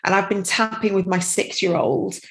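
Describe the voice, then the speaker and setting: A woman's voice: medium pitch, normal speed, a bit bright, poor audio. A middle-aged woman speaking as a podcast guest, chatty and rambling, with many "you know"s. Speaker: guest, tapping practitioner and parent. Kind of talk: casual podcast interview.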